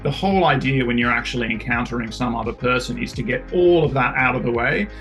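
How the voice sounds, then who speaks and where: A man's voice: mid-range voice, fast, a bit bright, faint music behind, poor audio. A man in a casual philosophical discussion, speaking earnestly and emphatically, with frequent restarts.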